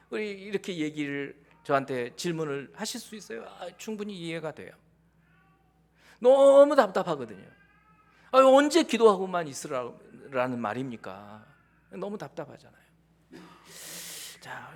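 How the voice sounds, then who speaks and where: A male pastor preaching a Sunday sermon, acting out prayers and his listeners' questions as he goes. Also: on the high side.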